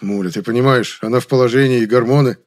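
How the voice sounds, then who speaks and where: A man's voice: mid-range voice, steady tone, quick pace, close to an everyday voice. A male audiobook reader voicing a meek older stepfather who mumbles placating excuses.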